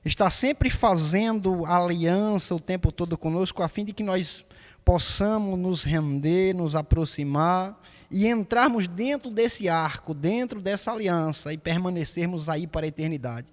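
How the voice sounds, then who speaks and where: A man's voice: high-pitched, unhurried, big-room sound. A man leading an earnest, solemn spoken prayer. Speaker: prayer leader.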